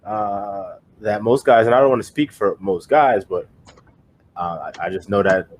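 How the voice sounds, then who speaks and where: A young man with a fairly low voice co-hosts a casual podcast. He muses out loud, circling back with "you know" and restarting his sentences as he talks through his views. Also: moderate pace. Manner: rambling, many fillers and restarts. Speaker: podcast co-host. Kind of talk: casual opinion chat.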